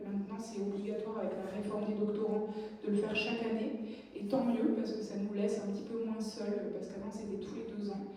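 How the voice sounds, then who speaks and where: A woman's voice: medium pitch, flat delivery, fairly quick, warm tone, distant mic, slight background noise. French woman lecturing in an echoey hall. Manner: reads a prepared text, then digresses with many fillers and self-corrections. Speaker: doctoral researcher giving a lecture. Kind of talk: academic lecture read from notes.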